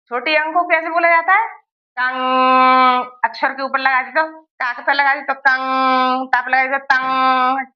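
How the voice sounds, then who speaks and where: A woman's voice: high voice, muffled recording. A woman teaching a grammar lesson, asking her students questions and answering them herself, checking that they follow.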